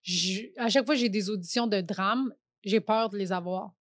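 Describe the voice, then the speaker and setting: A woman's voice: mid-range voice, moderate pace, dry recording. A woman in her thirties with a Québécois French accent, chatting casually as a podcast guest, rambling with fillers and restarts and laughing often. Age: 30s. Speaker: comedian guest.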